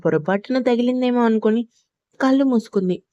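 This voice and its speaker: A woman's voice: on the high side, brisk, warm tone, no room sound, highs cut off. A woman narrating a romance audio story, reading expressively and slipping into voices for each character.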